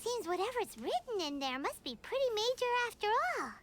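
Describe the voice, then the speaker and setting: Paimon, a squeaky tiny companion. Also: female voice, big pitch swings, fairly quick. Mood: chatty. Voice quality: squeaky, chirpy, talks about herself in third person. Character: tiny excitable floating girl companion. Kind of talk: game voice acting. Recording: game audio with music behind.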